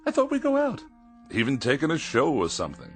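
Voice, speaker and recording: A man's voice: fairly high pitch, huge pitch swings, a little fast, faint music behind. A man acting in a radio drama as a haughty, fussy gourmet writer, wordy and emphatic, lonely and fearful underneath. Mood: stiff, condescending.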